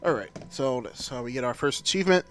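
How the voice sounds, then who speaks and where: Offhand male game streamer, medium pitch. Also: animated, quick pace, fairly bright tone, slight background noise. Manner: offhand, chatty. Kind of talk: casual gameplay commentary.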